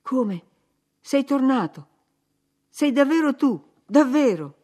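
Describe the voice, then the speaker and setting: A woman reading an audiobook, voicing a passionate young lady of the house who sounds breathless and high-strung. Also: moderate pace, darkish tone, natural voice. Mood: astonished.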